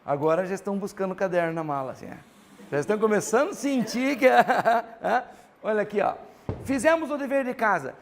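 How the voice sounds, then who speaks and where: A man with a Brazilian Portuguese accent teaches a grammar class at a brisk clip, his voice pitched high. He's animated and keeps prompting his students to answer.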